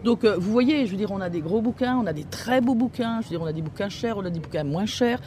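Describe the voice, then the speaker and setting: A man with a notably high voice explains a street book-sharing project while standing outdoors, faint traffic around him. He speaks haltingly, with constant fillers and tag questions. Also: animated, darkish tone. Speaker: recycling centre staff member. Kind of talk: explaining on-site to an interviewer.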